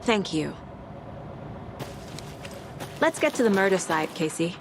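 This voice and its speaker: A composed, curious female FBI agent in a video game. Her voice sits low with a noticeable creak, and she talks in a measured, thoughtful way over clearly audible music. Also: big pitch swings, full character voice. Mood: composed, reflective.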